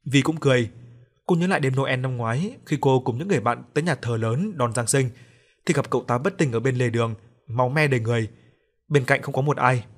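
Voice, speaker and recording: A man's voice: medium pitch, brisk. Man narrating a ghost story. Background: faint music.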